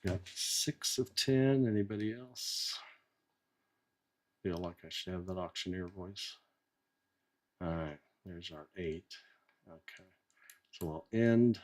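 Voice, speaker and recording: A man's voice: sits low, takes it slowly, pauses often, darkish tone. A man hosting a live online session, thinking aloud in casual chat as he clicks through settings. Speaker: host running a live software test.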